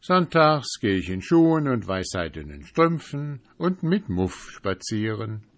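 A man's voice: fairly low pitch, big pitch swings, measured pace, no room sound. A man voicing a fickle, mischievous young man who teases and chatters, in a storybook reading. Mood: playful. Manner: teasing, playful.

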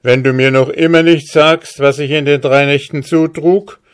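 A man's voice: fairly high pitch, steady tone, moderate pace, clear, resonant tone, voice pushed up, lightly acted. A man voicing an angry, pompous cavalry captain who blusters and threatens sternly. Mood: stern, threatening.

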